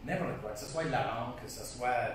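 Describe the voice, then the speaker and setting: A painter being interviewed talks quickly in a mid-range voice, his Québécois accent clear as he enthuses about his painting. He restarts often and repeats phrases. A very echoey room, a faint hiss, and a far-off mic position shape the sound.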